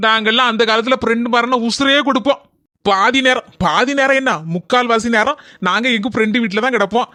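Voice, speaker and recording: A man voicing a fussy young man who complains on the phone with a Kanyakumari Tamil accent, whiny and rapid. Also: very high-pitched, sharp tone, dry recording, studio quality. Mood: complaining. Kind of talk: cartoon voice acting.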